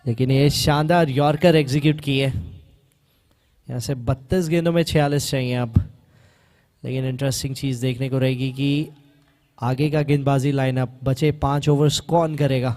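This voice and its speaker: A man giving excited live cricket commentary as a match commentator. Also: mid-range voice, moderate pace.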